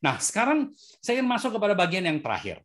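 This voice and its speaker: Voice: wildly swooping pitch, fast, a bit bright. A preacher from Indonesia giving a chatty, conversational sermon, often asking the listeners "right?" as the voice rises and drops. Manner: swings between high and low pitch.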